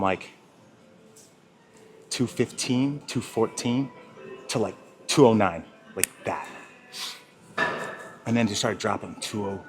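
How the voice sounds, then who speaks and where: A man talking casually in a gym vlog while out of breath, rambling and swearing, with lots of sidetracks. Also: on the low side. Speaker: fitness vlogger. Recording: music playing clearly behind.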